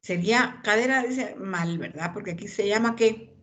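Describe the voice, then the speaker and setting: A woman's voice: medium pitch, normal speed, fairly bright tone. A woman lecturing anatomy, pointing out images and calling on students by name.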